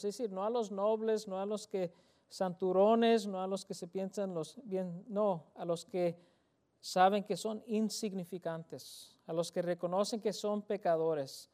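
A male pastor preaching a sermon earnestly, often repeating words and slowing down to stress a point. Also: high voice, a little mellow. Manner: switches into English for scripture.

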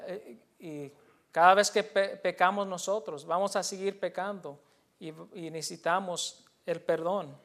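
A pastor with a fairly high male voice delivers a bilingual sermon in an earnest, teacherly manner. He explains a passage and then restates it in a second language, hesitating with fillers and restarts. His pace is a little slow and his tone fairly bright.

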